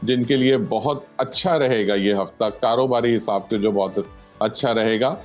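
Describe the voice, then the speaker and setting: A man's voice: lowish voice, faint music behind. Man with on lo-fi remote line. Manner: measured, explanatory, with frequent hesitations. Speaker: astrologer guest. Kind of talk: explaining predictions on a TV show.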